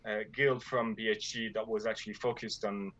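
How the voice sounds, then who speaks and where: A French guild leader with a French accent talks about his gaming guild in a casual interview, hesitating with many fillers and restarts. His voice is on the low side, flat and brisk, a bit bright, with the highs cut off.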